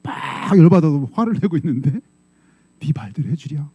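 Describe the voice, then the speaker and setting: A man's voice: a little high, animated, moderate pace, mellow, husky, no room sound. A middle-aged male pastor preaching a sermon in a conversational way. He often checks in with the congregation and acts out quoted voices. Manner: acts out quoted voices in short dramatic bursts. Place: church sanctuary.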